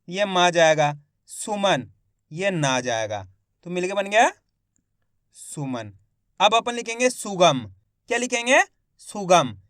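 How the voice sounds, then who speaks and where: A man's voice: high-pitched, a bit bright, dry recording, clean studio sound. A man teaching children's spelling, sounding out each word syllable by syllable and answering his own questions. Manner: drills each syllable, asks and answers himself. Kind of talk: slow spelling lesson, repeating words.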